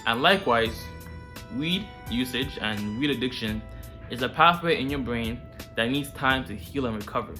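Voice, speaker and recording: A man's voice: mid-range voice, expressive, moderate pace, sharp tone, soft background music. A man hosting a self-improvement series, talking straight to the viewer in a casual, slangy, informal way. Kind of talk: casual direct-to-viewer advice talk.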